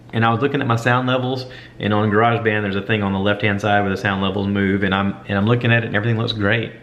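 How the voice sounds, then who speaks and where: A man's voice: on the low side, fairly bright tone. A man vlogging in a casual, rambling, self-deprecating way, like an informal podcaster talking to viewers. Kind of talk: casual chat, stream of consciousness. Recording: dull lo-fi camera audio, light background noise.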